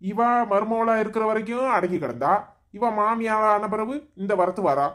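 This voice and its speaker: A man voicing a weary, resigned middle-aged father in a cartoon, speaking Tirunelveli Tamil in a slow, sighing way. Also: high-pitched, a bit bright.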